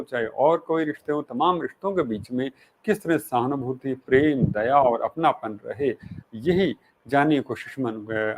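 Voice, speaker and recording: Brief: male talk-show host, formal and measured, mid-pitched voice. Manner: measured, recites Urdu poetry, polite formal address. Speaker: interview host.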